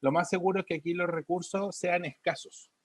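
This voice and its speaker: A man's voice: high voice, fairly even intonation, fairly quick, slightly rough, dry recording. A male biology teacher, giving a recorded class and checking in with a repeated "ya?" while writing on the board. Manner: repeats a questioning "ya?" after each point; writes on a board while talking, drifting from the mic.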